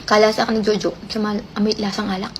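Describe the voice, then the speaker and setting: A woman rattles through a personal story at a quick clip, chatty and rambling, stopping often on fillers. Her voice sits at an ordinary middle pitch. A faint hiss of room noise sits under her voice. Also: little pitch movement. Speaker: caller sharing a relationship story. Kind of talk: casual confessional storytelling.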